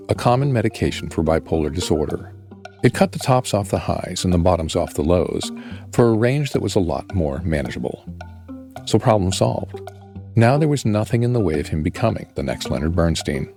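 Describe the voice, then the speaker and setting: A man narrating a podcast story in a measured, scripted storyteller's delivery. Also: deep voice, expressive, darkish tone, soft background music.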